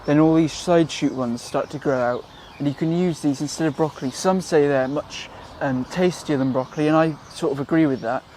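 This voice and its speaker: A young man from Wales giving a relaxed, chatty gardening how-to outdoors, with frequent ums and self-corrections. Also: fairly high pitch, fairly quick, hardly any pauses, slight background noise. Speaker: gardening vlogger. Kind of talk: casual how-to vlog.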